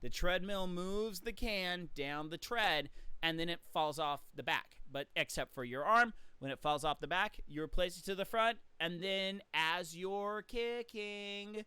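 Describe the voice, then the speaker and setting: A man talks through swimming drills in a casual, coaching way, counting kicks aloud as he goes. His voice sits high and sounds smooth and clean. The recording is dry and close, with no room echo. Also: measured pace, sharp tone. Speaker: swim coach. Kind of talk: casual instructional talk.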